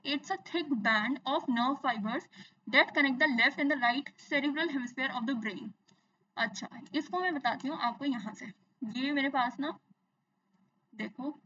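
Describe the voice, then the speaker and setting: Brief: bright, high-pitched young woman teacher, drilling terms by repetition; slightly distant, dull mic. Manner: explains in Hindi mixed with English, repeats terms, asks and answers own questions. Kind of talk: exam-focused science lesson.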